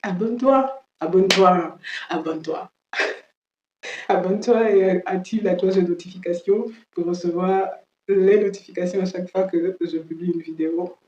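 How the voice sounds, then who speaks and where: A woman's voice: on the low side, fairly even intonation, dark tone, reverberant, dull audio, slight background noise. A woman teaching English in French who drills each word by repeating it several times. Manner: slow, drills words by repeating them. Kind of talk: French-language English lesson.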